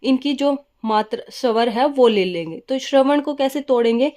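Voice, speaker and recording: A woman's voice: high voice, moderate pace, darkish tone. A woman teaching a grammar class. She asks her students questions, answers them herself, and repeats the key words, with English words mixed into her talk. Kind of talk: classroom lesson.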